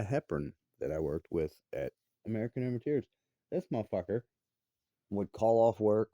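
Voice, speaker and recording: A vlogger in his thirties delivers an angry, profane personal rant, heated and confrontational. His voice is lowish and warm, captured in a dry recording.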